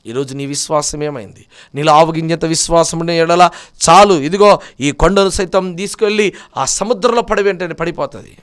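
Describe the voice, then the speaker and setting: A man preaches with fervor, his voice sitting high for a man. He presses his point with repeated questions that climb and grow loud, then sinks into soft, low remarks to his listeners. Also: clear, resonant tone. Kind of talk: sermon.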